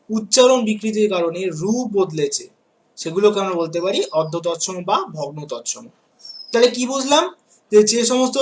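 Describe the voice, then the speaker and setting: A man from West Bengal teaching a school grammar lesson, repeating key words and checking with the pupils as he goes. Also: sits high. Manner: lists examples slowly word by word.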